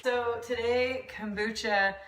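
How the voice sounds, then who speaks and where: A woman's voice: a little high, fairly even intonation, slow, fairly bright tone, distant mic. A woman coach chatting casually in a vlog, rambling and laughing easily, with a mild concussion. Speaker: volleyball coach vlogger. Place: at home, kitchen pantry. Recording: echoey room, off-mic.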